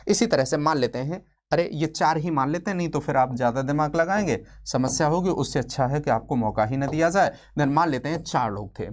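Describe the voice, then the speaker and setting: A man in his twenties teaching a maths lesson for exams, chatty and joking, asking questions and then answering them himself. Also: on the high side. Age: 20s. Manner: chatty and joking, calls viewers friend. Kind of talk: exam-prep lesson.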